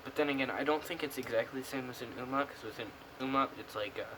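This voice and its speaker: Speaking quickly in a mid-range voice, this young adult from the United States reviews a product in a loose, rambling vlog style while keeping a pouch in his upper lip. It's recorded in a small room on a camera mic, clear but with background noise.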